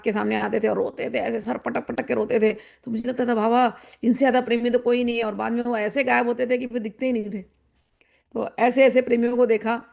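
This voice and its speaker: A woman spiritual teacher giving a devotional discourse, wry and animated, who acts out the people she describes. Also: fairly high pitch, creaky. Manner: wry, mocking.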